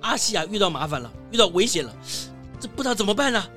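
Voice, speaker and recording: Lively woman telling a children's story. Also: medium pitch, fast, faint music behind. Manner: lively, exclaiming, full of fillers like 哎呦. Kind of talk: animated children's story narration.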